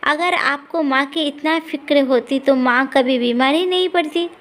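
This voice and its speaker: A woman's voice: high voice, normal speed, fairly bright tone. A woman voicing a scheming young married woman who taunts and accuses her sister-in-law. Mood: accusing.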